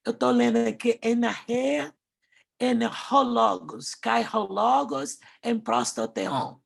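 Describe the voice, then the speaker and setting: A woman, a theology student asking questions and reading Greek aloud haltingly. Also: on the high side, animated, vocal fry, husky. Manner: hesitant, reads aloud haltingly.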